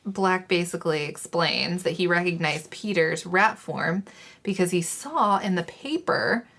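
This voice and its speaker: A woman's voice: on the low side, unhurried, creaky, a bit bright. A woman co-hosting a casual book podcast. She walks through the plot at length in an easygoing way, with the odd swear word. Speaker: podcast co-host. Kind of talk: casual book-discussion chat.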